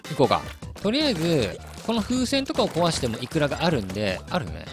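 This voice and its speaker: A man's voice: a little high, wildly swooping pitch, quick pace, over music. A young man from Hiroshima with a Hiroshima dialect accent, giving chatty, playful gameplay commentary with frequent laughs. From Hiroshima, Japan. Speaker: game commentator.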